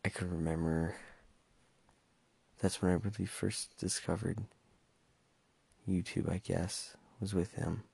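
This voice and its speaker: Young man, deep flat voice, hesitant, stumbling, casual monologue, dry close sound. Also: a little slow, vocal fry, husky, dry recording. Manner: hesitant, stumbling with many fillers. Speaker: podcast host.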